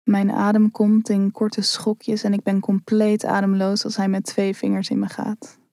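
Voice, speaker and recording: Mellow young woman reading an intimate story. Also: mid-range voice, monotone, no room sound.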